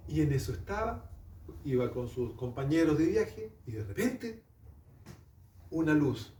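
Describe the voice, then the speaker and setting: Man preaching a sermon, higher voice, mellow tone; heard from a distance in a roomy hall. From Chile. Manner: storytelling, asks the congregation questions. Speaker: pastor. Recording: echoey hall, distant mic.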